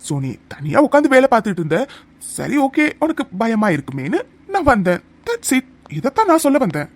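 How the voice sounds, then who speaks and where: A voice actor doing a leering young office creep from a cartoon who stalks a coworker after hours. His voice swings up and down as he teases and insinuates, smug and unhurried. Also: medium pitch, wildly swooping pitch. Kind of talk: cartoon voice acting.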